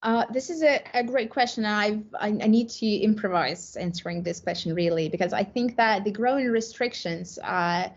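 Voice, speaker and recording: Her voice is medium-pitched and moderately paced, with hardly any pauses, though the recording has its highs cut off. She's an academic presenter with a Russian accent, hesitantly taking conference questions online amid many fillers and restarts.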